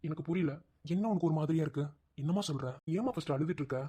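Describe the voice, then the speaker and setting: A man voicing a worried village husband in an animated drama, who asks anxious questions again and again. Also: fairly high pitch, very fast, slightly rough. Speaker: cartoon voice actor.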